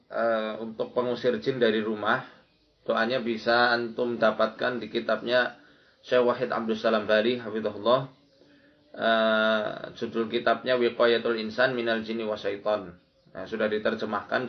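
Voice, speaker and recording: Male preacher, dull lo-fi recording. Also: mid-range voice. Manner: instructional, repeats key phrases. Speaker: Islamic preacher and ruqyah instructor. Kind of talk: religious lecture with recited Arabic prayers. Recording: dull lo-fi audio.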